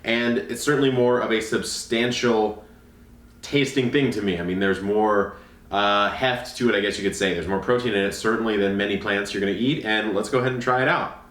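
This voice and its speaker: A man's voice: on the low side, a little fast, a bit bright, reverberant, distant mic. A man hosting a gardening channel, chatting easygoingly on camera while tasting food. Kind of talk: casual on-camera chat.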